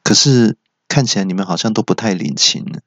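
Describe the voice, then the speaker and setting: A man's voice: deep voice, animated, a little fast, fairly bright tone, no echo, exaggerated voice. A man voicing a goofy, absent-minded monk dentist who stammers and dithers. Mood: offhand. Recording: dull lo-fi podcast audio.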